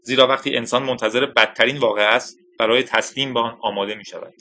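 Man narrating a thriller, bright voice. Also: medium pitch, fairly even intonation. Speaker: audiobook narrator. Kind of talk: scripted narration.

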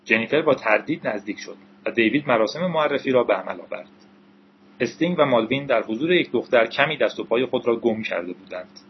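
A man narrating an audiobook with steady, even storytelling. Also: mid-range voice, highs cut off, slight background noise.

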